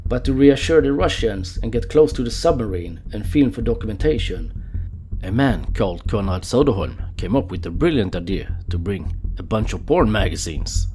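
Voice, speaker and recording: A man's voice: lowish voice, expressive, normal speed, dark tone, slight background noise. A man narrating a history documentary, telling the story in an amused way and laughing now and then.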